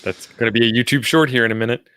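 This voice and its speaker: A man's voice: medium pitch, steady tone, rapid-fire, sharp tone, no room sound, clean studio sound. A man co-hosting a ham radio livestream, explaining things casually and acting out on-air exchanges.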